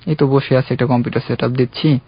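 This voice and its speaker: A young man calling in to a radio show, earnestly recounting his own love story in a halting, heartfelt way. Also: medium pitch, steady tone, husky, no echo. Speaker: caller. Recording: dull, dry radio studio sound.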